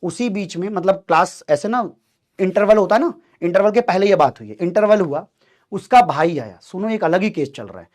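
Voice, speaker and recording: Animated high-voiced young man. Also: moderate pace. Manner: animated, laughing often, acts out quoted voices. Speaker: teacher telling a childhood story. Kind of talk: casual storytelling.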